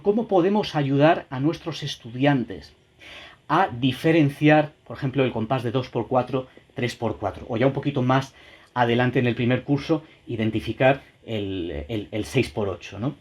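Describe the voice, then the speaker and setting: A man's voice: mid-range voice, moderate pace, darkish tone. A man teaching music educators in an online session, thinking aloud with many tag questions and repeated words, and chanting rhythm syllables to show the beat. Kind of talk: online teacher-training talk. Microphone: video call.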